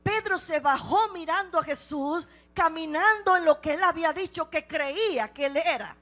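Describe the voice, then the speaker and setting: A woman preaching a sermon with passion, firing off repeated rhetorical questions and swinging between loud exclamations and hushed passages. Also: very high voice, normal speed.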